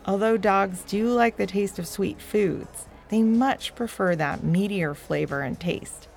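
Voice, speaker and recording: A woman's voice: mid-range voice, measured pace, creaky, a little mellow, faint music behind. A woman narrating a children's story show in a broad, singsong kids' theatre manner, playfully talking straight to young listeners. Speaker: host and storyteller of a children's podcast.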